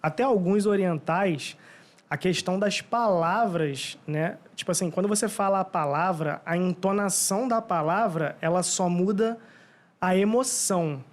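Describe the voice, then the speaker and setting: A man's voice: high voice, moderate pace. A Brazilian man hosting a podcast, asking thoughtful questions in a hesitant, casual way. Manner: thoughtful, hesitant, many fillers. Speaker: podcast host. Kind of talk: casual interview chat.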